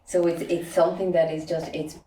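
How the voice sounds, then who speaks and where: A woman's voice: fairly low pitch, flat delivery, a little fast, mellow, slight background noise. A woman interviewing guests with brief, friendly questions and prompts.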